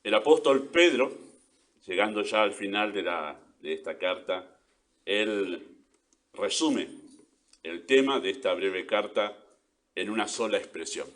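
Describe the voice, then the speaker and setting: A man's voice: on the low side, animated, measured pace, long pauses, fairly bright tone. A man with an Argentine accent preaching a sermon as pastor, earnest, stressing key words and checking in with rhetorical questions. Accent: Argentine Spanish.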